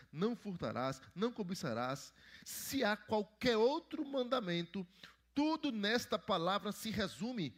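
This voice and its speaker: A man, the pastor, teaching a Bible lesson in church and putting questions to the children. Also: high voice. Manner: asks the children questions and prompts answers. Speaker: pastor teaching Sunday school.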